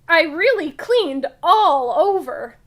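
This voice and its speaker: In a high, excited voice, a woman reading aloud plays a young storybook adventurer full of excitement. Her slow, exaggerated delivery is lively and emphatic, and she takes her time with every phrase.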